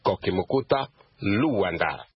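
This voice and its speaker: A male reporter filing a scripted news report in a formal, measured way. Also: low voice, animated, noisy background. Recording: dull dry radio audio.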